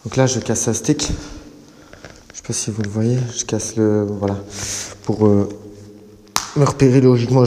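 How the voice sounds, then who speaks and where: A man with a Belgian French accent narrating an urban exploration vlog in a casual, rambling way, full of fillers and slang and often dropping to a hushed voice, deep underground in concrete tunnels. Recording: long echo in underground tunnels, faint noise.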